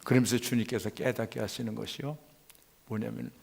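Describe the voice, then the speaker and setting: Gravelly-voiced man preaching in a reverberant church. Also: medium pitch, flat delivery, a little fast. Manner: dramatic swings between loud exclamations and soft quoted prayers. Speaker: pastor. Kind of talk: sermon. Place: church sanctuary. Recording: church hall with long reverb.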